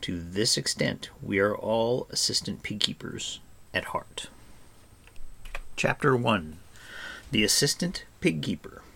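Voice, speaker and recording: A man narrates an audiobook in a measured, expressive way. His voice sits low and has a gravelly, husky grain. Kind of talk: scripted storybook narration.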